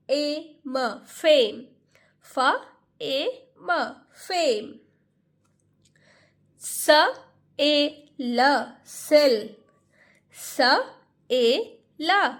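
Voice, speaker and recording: In a high, fairly bright voice, a woman gives a Hindi phonics lesson on English pronunciation. She sounds out each letter slowly, one by one, and patiently repeats every word.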